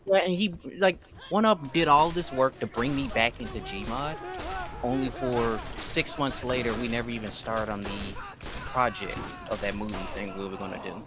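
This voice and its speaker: A man's voice: mid-range voice, steady tone, normal speed, music in the background. A man chatting casually with a friend on a gaming stream, airing grievances in an aggrieved, complaining way. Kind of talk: casual chat.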